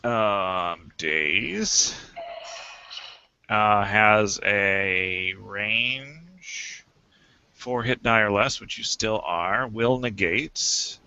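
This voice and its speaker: A man running a tabletop game as game master, relaxed and laughing as he looks up the rules. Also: fairly low pitch, drawn-out words, clear, resonant tone. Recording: dull lo-fi home recording.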